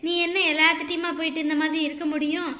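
A gentle, self-sacrificing mother, as a woman plays her, soothes her child in a tender, very high, bright voice. The sound is echoey, as in a bare room. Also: level tone, racing.

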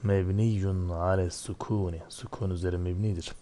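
A man teaching Arabic grammar, asking and answering his own questions, slowing down over each term. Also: sits low, steady tone, dark tone, slight background noise. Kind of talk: grammar lesson, explaining line by line.

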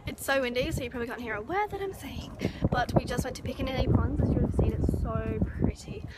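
A young Australian woman casually narrating a road trip to a phone held at arm's length, chatty and excitable. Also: sits high, fast, over loud music. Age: young adult. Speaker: vlogger. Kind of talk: casual travel vlog.

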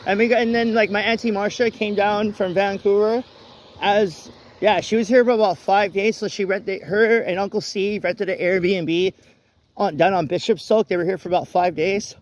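Rambling high-voiced man on a night walk. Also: fairly even intonation, moderate pace, slight background noise. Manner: rambling, many restarts and self-corrections. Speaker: vlogger. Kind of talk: casual walk-and-talk vlog. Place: outdoors on a rainy night street. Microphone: phone camera held while walking.

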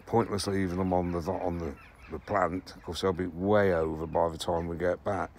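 A deep, steady, slightly mellow voice belongs to an Englishman in his sixties who vlogs about his allotment. At a moderate pace he chats casually to camera, rambling about the harvest and often correcting himself, with slight background noise from the partly outdoor greenhouses and plots.

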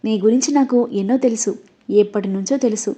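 A woman's voice: fairly high pitch, quick pace, warm tone, natural voice. A woman reading the lines of a playful, teasing young man in a story. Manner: playful, coaxing. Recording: dull lo-fi audio.

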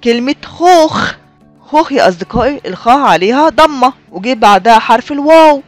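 A woman with an Egyptian Arabic accent teaching a children's reading lesson, repeating key points and slowly drawing out example words. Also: high-pitched, expressive, no room sound, faint music behind. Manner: drawn-out sounding of example words; repeats and addresses learners as friends.

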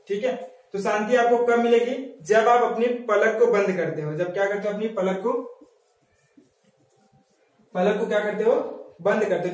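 A high-pitched man teaches a lesson on memory tricks. He keeps asking questions and answering them himself, repeating each key word. His voice sits well back from the mic and rings around a very echoey room. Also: a little mellow, far from the mic.

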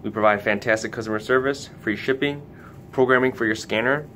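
Talking a little fast in a slightly bright voice, a man hosts a casual hands-on product tutorial for a retailer, offering careful step-by-step guidance. Noticeable background noise and a low rumble can be heard.

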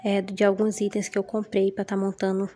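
A Brazilian vlogger from Maranhão, with a Brazilian Portuguese accent and a mellow voice a bit hoarse from a cold, chats casually to viewers in a haul vlog, tossing in little tag questions along the way. Her mid-range voice is monotone and brisk. She's recorded in her home kitchen on a phone camera held over the table.

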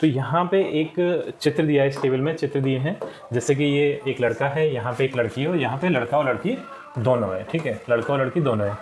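Going through a textbook lesson for young pupils, a man patiently repeats answers and says "theek hai" again and again. His medium-pitched, slightly mellow voice is fairly quick, with a little hiss or hum.

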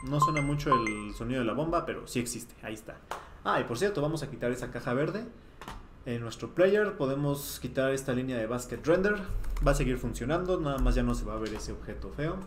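Speaking a little fast at medium pitch, this young man runs a screen-recorded coding tutorial, casually narrating his thoughts as he types each step at his desk. He's in a small room on webcam, with music behind him, a roomy echo and faint background noise.

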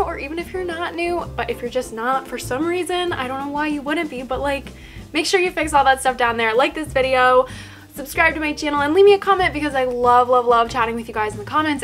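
A woman's voice: high voice, a bit bright. A young woman chatting to her channel's viewers in a casual vlog, bubbly, giggly and enthusiastic. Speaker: YouTube vlogger.

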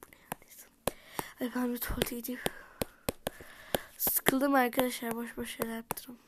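A woman in whispered role-play, voicing dolls in a game and switching between character voices, often softly whispering. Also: a little high, little pitch movement, normal speed, very noisy. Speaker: YouTuber voicing dolls in a life-sim game.

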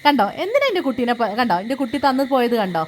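A woman's voice: high voice, very animated, very fast, slight background noise. A mother who films and talks to her young children at home in a coaxing, affectionate, sing-song way. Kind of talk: casual home vlog, talking to her kids. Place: family home, indoors.

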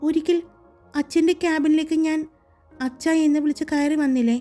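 A timid young office girl speaks softly and pleadingly, pitched well above the storyteller's usual voice, as a woman puts her on. Her voice is high and mellow, with a faint music bed underneath. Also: steady tone, a little fast, natural voice. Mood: shy.

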